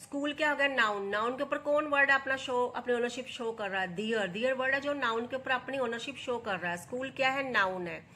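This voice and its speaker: A woman with an Indian accent, teaching grammar in a clear, bright voice pitched a little high. She reads each example sentence slowly, then steps through it by asking a question and answering it herself. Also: slight background noise. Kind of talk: explaining English grammar step by step.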